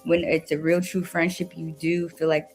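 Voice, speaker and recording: A woman's voice: low-pitched, little pitch movement, moderate pace, creaky, darkish tone, faint music behind. A woman co-host in casual chat, reasoning through her view with careful hedges. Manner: thoughtful, hedging, reasoning aloud.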